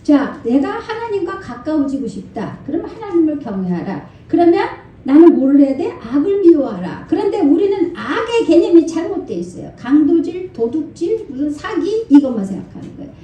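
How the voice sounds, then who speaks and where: An older woman, a senior pastor, gives a lively, conversational Friday night sermon. She laughs often and acts out people's inner thoughts. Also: sits high, normal speed. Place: church sanctuary. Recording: very echoey church hall, from far off.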